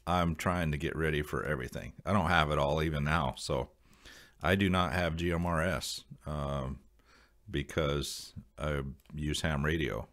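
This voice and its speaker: A deep-voiced man, low in pitch yet fairly bright in tone, rambles casually to viewers while hosting an explainer vlog. The delivery is halting, like he's thinking each point through on the spot.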